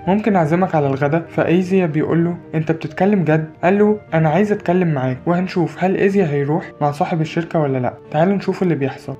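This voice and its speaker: A man's voice: fairly high pitch, mellow. A man with an Egyptian Arabic accent narrating a film recap, reading the characters' lines in his own voice. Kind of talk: scripted movie recap narration. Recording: slightly dull lo-fi audio with faint music. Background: faint background music.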